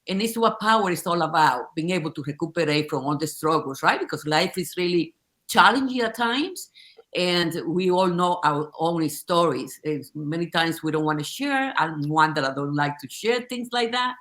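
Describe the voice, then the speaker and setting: A woman's voice: deep voice, animated, moderate pace, fairly bright tone. An older woman from the Dominican Republic, a guest on an online video chat, speaking in an upbeat, reflective way.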